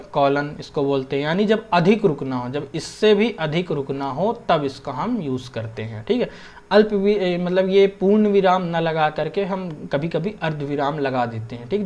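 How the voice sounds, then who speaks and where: A young man explaining Hindi grammar in a casual lesson, often checking in with his listeners and mixing in English words. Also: fairly high pitch. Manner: conversational, keeps checking in with "theek hai". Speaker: exam prep teacher.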